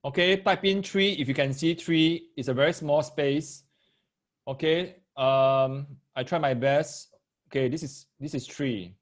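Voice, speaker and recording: A man's voice: fairly high pitch, measured pace. A man with a Singaporean accent and Singlish particles, teaching maths in a live online lesson, explaining step by step, repeating phrases and checking that listeners follow. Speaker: maths tutor teaching parents and children.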